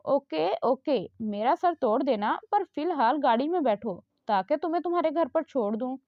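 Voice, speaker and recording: A woman voicing a sharp-tongued, teasing young army officer in a read-aloud romance novel. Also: high-pitched, expressive, dry recording. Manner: teasing, quick comebacks. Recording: dull lo-fi dry recording.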